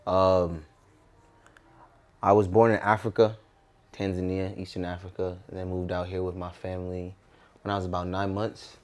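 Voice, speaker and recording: A man in his twenties from Southern California, with an American accent, is a guest in an interview, speaking casually and reflectively. His deep, darkish voice has little pitch movement, and he keeps a moderate pace with frequent pauses.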